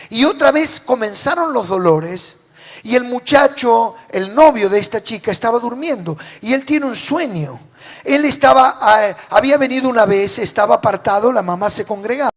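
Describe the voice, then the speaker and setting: High-voiced Rioplatense pastor preaching. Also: male voice. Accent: Rioplatense Spanish. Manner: preaching with rhetorical questions to the congregation; swings between loud declarations and low, quiet endings. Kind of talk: sermon. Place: large church hall. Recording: reverberant church hall.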